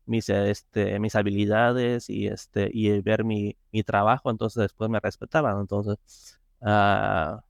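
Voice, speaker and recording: A man's voice: fairly low pitch, little pitch movement, slow, vocal fry, no room sound, clean studio sound. A man, guest in a casual interview, talking hesitantly with many fillers and restarts. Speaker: interview guest, software tester.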